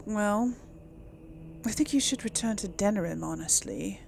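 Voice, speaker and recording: This let's play host is a woman whose commentary is casual, chatty, and hesitant, mixed with role-played responses, set against video game ambience. Her mid-range voice is unhurried and a little mellow, with vocal fry. Slight background noise can be heard.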